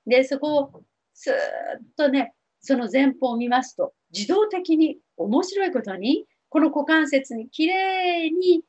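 Middle-aged woman counselor, soft and reassuring, speaking to TV viewers; lively, expressive pitch; slightly dull lo-fi sound. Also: measured pace. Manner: gentle, reassuring, many fillers. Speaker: spiritual counselor answering viewer questions. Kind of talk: advice talk to TV viewers. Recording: dull lo-fi TV audio.

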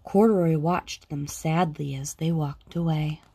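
A woman reading a children's picture book aloud with a lilting, expressive storytelling manner. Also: sits low, unhurried, vocal fry, husky. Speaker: storybook reader.

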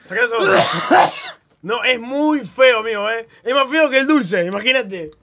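Young man, Argentine Spanish accent, casual stream chat, high bright voice. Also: normal speed, a little hiss or hum. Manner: joking, animated, coaxing friends.

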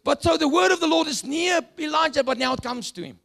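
A South African man preaching a sermon, moving between loud shouts and hushed, dropping asides. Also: extremely high pitch, fast, vocal fry. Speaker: pastor.

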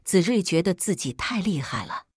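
A woman narrating a scripted story with a lively storytelling cadence. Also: lowish voice, moderate pace, husky, no room sound, clean studio sound.

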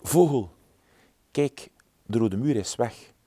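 Brief: curious little female mouse, high and bright-eyed, storybook voice, done by a man. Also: animated, slow pace. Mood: eager. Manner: eager, wondering. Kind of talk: storybook reading.

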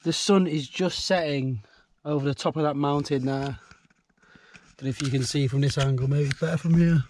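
A young travel vlogger with a fairly high voice chats casually at a moderate pace into an action camera, narrating from his campervan and the lakeshore. He sounds relaxed and talkative, thinking aloud over a noisy background.

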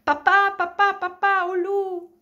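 A woman voicing a small, panicky young male rabbit who screams in shrill cries. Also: lively intonation, a little slow, lo-fi sound, soft background music, lightly acted. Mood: screaming panic.

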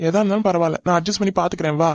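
A man's voice: sits high, fairly even intonation, rapid-fire, dry recording. A man with a Tamil accent voicing a cartoon hero, exasperated and pleading. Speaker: voice actor in a cartoon. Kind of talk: animated cartoon dub acting. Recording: dull dry lo-fi recording.

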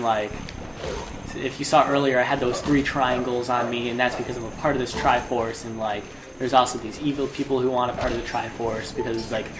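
A young let's play host with a medium-pitched voice gives casual, rambling gameplay commentary, chatty and easily amused. The background is noisy, with game music playing.

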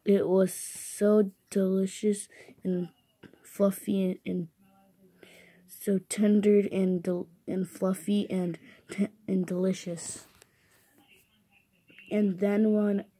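A woman's voice: mid-range voice, little pitch movement, slow, long pauses, dark tone, slightly rough, dry recording. A woman reading as Big Jim, a rambling pushy pal. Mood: chatty. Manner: rambling, trailing off and restarting.

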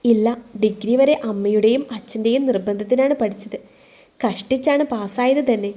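A woman voicing a young woman in a spoken story who talks softly, pouting and close to tears. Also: on the high side, moderate pace, natural voice. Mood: plain. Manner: soft, pouting, tearful. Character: young woman, timid, hurt and sulky.

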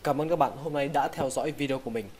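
A man teaching English words in a slow lesson, sounding out each part of a word and saying every word twice. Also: mid-range voice, a little mellow, slight background noise. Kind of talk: slow vocabulary lesson for Vietnamese learners.

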